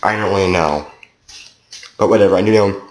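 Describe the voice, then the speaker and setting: A man's voice: low-pitched, fairly quick. A man from Canada giving a loose, meandering and profane game review in a casual tone. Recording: roomy echo, faint noise.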